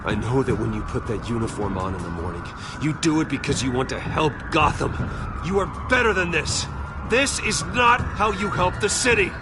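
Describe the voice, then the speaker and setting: A man's voice: a little high, expressive, normal speed, over music, natural voice. An actor playing a brooding, steely and persuasive rich man in a video game. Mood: urgent pleading.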